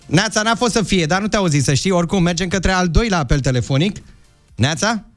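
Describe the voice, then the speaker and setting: A man's voice: sits high, lively intonation, fairly bright tone, faint music behind. A man hosting a morning radio show, running a call-in game with playful banter and coaxing callers to speak up. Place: broadcast studio.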